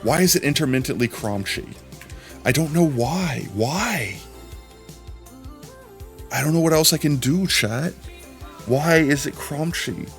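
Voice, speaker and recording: A man's voice: on the high side, lively intonation, measured pace, long pauses, faint music behind. Man on a crunchy clipping mic. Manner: talks to chat while playing, puzzled and exasperated. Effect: intermittently crunchy, clipping distorted mic. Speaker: livestreamer. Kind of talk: casual live stream chat with viewers.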